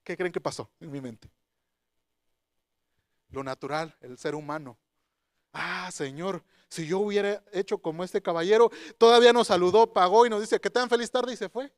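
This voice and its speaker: Man, preacher, high voice, dry close sound. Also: moderate pace, clean tone, dry recording. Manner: storytelling, rhetorical questions to listeners. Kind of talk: sermon with personal story.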